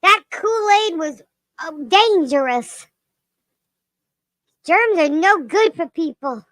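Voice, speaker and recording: A woman voicing a cheeky, crude, childlike lemur puppet with a loud, sharp, piercing voice, in improvised comedy. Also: very high voice, lively intonation, slow, no echo, studio quality, full character voice. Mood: mock-indignant. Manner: playful, giggly, potty-mouthed. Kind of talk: improvised live-stream character comedy.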